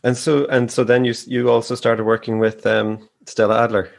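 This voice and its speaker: A man hosts a casual interview, chatting in a relaxed way with short, easy replies. His voice sits at a middle pitch for a man. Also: normal speed, creaky. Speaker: podcast host.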